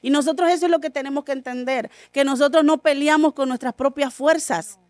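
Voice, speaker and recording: A woman with a high, bright-pitched voice tells a heartfelt faith story in a radio studio. She speaks earnestly and casually, slipping into the voices of her family as she quotes them. The sound is close and dry, with no room echo. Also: steady tone, a little fast. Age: adult, mother of a school-age son. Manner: earnest, acts out quoted dialogue. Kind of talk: conversational faith testimony.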